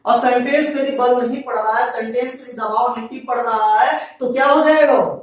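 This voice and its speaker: A man's voice: extremely high pitch, fairly even intonation, a little fast. A man teaching a grammar lesson to a class. He keeps repeating points and quizzing the students. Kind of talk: classroom lecture. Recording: very echoey room, mic far off.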